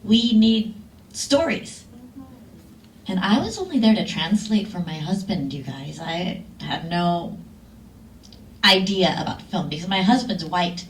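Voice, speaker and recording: A film director, a woman, telling a lively, laughing story to an audience at a screening Q&A. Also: lowish voice, measured pace. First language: Lao. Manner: lively, laughing, acts out quotes. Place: cinema hall. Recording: echoey hall, far from mic, faint noise.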